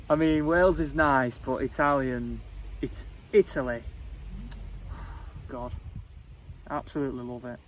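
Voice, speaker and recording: A man vlogging casually about his cottage renovation, rambling and halting with lots of fillers, outdoors at his building site. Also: on the high side, a little hiss or hum, rough recording. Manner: rambling and halting, with many fillers, self-described as muddling his words. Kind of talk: casual chat to camera.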